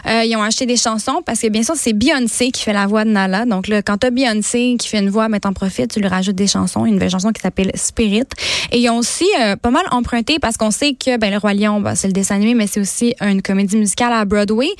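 A woman's voice: medium pitch, fast talker, dry recording. Quebecois lady chatting about movies, lots of euhs and bens, dry sound. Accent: Québécois. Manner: chatty, lots of hesitations and fillers. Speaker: culture columnist. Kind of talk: casual chat recommending films and series.

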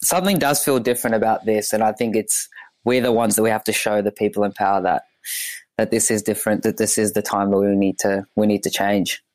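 A man in his twenties, born in Ethiopia and raised in Australia, appears as a guest in a casual interview; he makes comedy sketches. His voice is lowish, steady and a little mellow with no echo, and he talks in an easygoing, halting way with many fillers.

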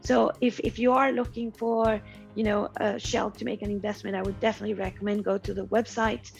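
A woman with a hoarse, raspy voice that is nearly gone, speaking casually as an interview guest. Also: medium pitch, little pitch movement, brisk, faint music behind. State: hoarse, losing her voice while unwell. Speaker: podcast guest, venture capital professional. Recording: dull, lo-fi audio.

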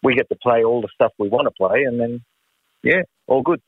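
A man's voice: mid-range voice, a little fast, slightly rough, no room sound. Older Australian man on a narrow phone line. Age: 60s. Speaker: musician guest. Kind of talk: casual reminiscing interview. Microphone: phone call.

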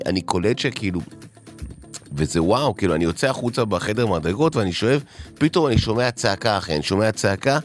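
A man's voice: lowish voice, lightly acted. Man playing an overexcited bragging guy. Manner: excited, keeps repeating "listen". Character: overexcited man raving about his vacuum.

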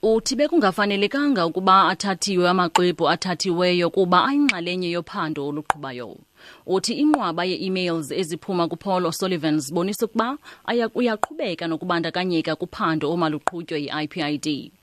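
A woman's voice: on the low side, lively intonation, fast, fairly bright tone, no echo. A woman reading a scripted radio news bulletin.

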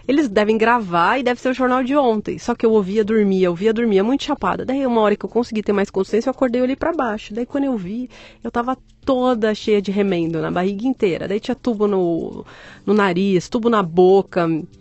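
Speaking briskly at a medium pitch, a woman shares her story conversationally as an interview guest. She's candid and animated, cracks jokes, and performs the voices of the people she quotes. There's no echo on the recording.

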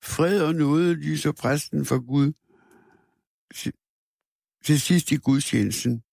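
A man narrates a first-person story in a measured, somber reading voice. His tone sits a little high for a man and carries a gravelly, creaky texture. The sound is close and dry, with no room around it. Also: a little mellow, no room sound. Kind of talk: first-person literary narration read aloud.

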